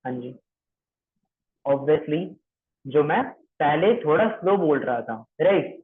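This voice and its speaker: Tinny-sounding male trainer, upbeat pitch. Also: animated, takes it slowly. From Maharashtra. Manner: repetitive, checks understanding often; mixes English phrases into Hindi. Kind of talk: online training session on calling scripts. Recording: tinny phone-like audio.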